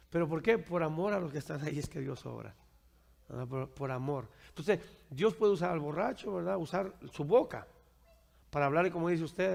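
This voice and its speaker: A man's voice: fairly high pitch, vocal fry, darkish tone, long reverb tail. A man preaching to his congregation and taking their questions, with a habit of asking "right?" after his points and calling his listeners brother. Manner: keeps asking "¿verdad?" and addresses listeners as brother. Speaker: pastor.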